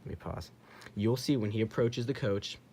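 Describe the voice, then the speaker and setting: Excitable man breaking down game footage. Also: fairly low pitch, normal speed, slight background noise. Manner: excitable, repeats himself, acts out quoted dialogue. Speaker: channel host. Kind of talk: casual commentary over game footage.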